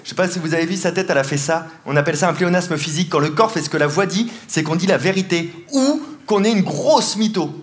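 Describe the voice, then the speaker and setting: In a rapid-fire delivery with few pauses, a man with a fairly high voice works a theatre crowd during a comedic mentalism show. He playfully teases volunteers and laughs often, over a backdrop of audience laughter and applause.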